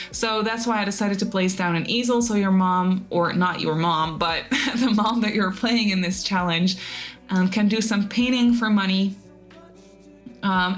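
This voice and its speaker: Speaking English as a second language, this Sims builder and YouTuber chats her way through a casual voiceover for a speed build video. Her voice is medium-pitched, and her talk wanders, full of fillers like "um" and "like," restarts, and occasional laughs at herself.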